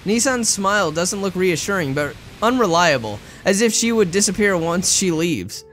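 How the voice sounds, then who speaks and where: A person reading visual novel narration aloud in a somewhat halting way. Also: medium pitch, very animated, a bit bright, soft background music. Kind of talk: live read-aloud of visual novel script, narration and dialogue.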